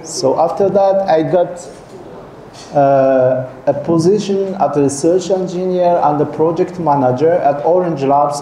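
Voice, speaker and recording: A middle-aged guest professor from Algeria gives a seminar lecture to students in an echoey hall with a faint hum. His voice is slightly high with a dark tone, and he frequently checks in with his audience while repeating and restarting phrases.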